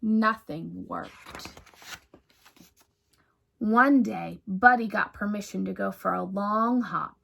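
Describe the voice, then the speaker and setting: Deliberate, emphatic and expressive, a woman reads a children's storybook aloud the way a teacher would to young pupils. Her voice is medium-pitched and creaky.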